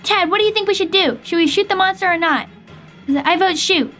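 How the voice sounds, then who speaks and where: A young woman with a very high voice improvises a role-play story as she games. She narrates in simple, expressive lines, and music plays behind her. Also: a little fast. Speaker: gaming video host and player.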